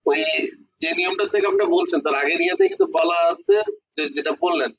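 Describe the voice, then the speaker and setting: A man studying French in an online lesson, asking about rules and trying words haltingly. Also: sits high, huge pitch swings, gravelly, slightly rough. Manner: questioning, tries words haltingly. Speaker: student. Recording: dry, dull lo-fi call audio.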